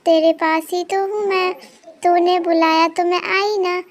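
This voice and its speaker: A loving, magical spirit mother from a cartoon story, tender and comforting, as a woman reads her. Her voice is high and flat, with only a small melodic range. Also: a little slow.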